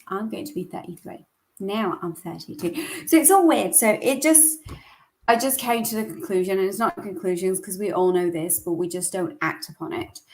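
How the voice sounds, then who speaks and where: A woman in her early thirties hosting her weekly vlog, talking casually and emphatically, drifting into a rant. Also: mid-range voice. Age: 30s. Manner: chatty, rambling, ranting, emphatic. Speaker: coach and weekly vlog host. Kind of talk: casual talk to camera.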